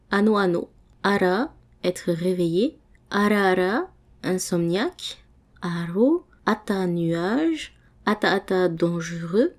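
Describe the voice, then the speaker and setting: Slow, mellow-voiced woman reading words. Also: mid-range voice. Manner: slow, careful word-by-word reading. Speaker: language teacher. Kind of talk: reading a vocabulary list aloud.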